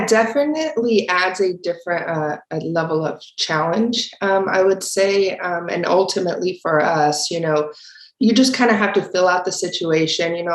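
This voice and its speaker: A young woman from Mexico, a referee answering interview questions in an earnest, casual way with frequent fillers. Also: fairly low pitch. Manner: earnest, many fillers, speaks up on key points. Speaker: guest, basketball referee. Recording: roomy echo.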